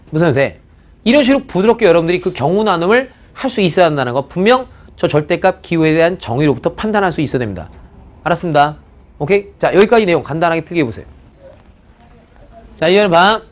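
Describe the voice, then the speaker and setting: Male math lecturer, high and very animated, drawls key words, constant check-ins. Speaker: math teacher. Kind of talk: recorded online math lecture.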